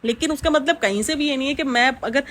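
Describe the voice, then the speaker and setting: A woman's voice: high voice, fast, a bit bright, a little hiss or hum. A woman, rambling through a casual reaction vlog with lots of fillers. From Pakistan. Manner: chatty, rambling, with many fillers. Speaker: reaction vlogger.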